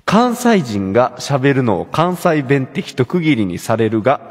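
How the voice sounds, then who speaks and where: A man's voice: medium pitch, big pitch swings, measured pace, no room sound, studio quality, soft background music. A young man with an Osaka Kansai accent, co-hosting a radio show in casual, playful, teasing chat and reading out listener letters. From Osaka, Japan. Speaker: radio co-host.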